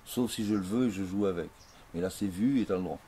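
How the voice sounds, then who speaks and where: A man giving a grandiose, declamatory mystical monologue in an interview, slow and emphatic. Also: sits low, mellow, slight background noise.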